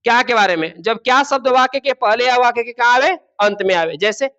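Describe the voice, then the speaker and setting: A man's voice: extremely high pitch, brisk, sharp tone. A male teacher gives a classroom grammar lesson, asking the class questions and repeating key words. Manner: addresses students as babu and beta. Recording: dull lo-fi sound.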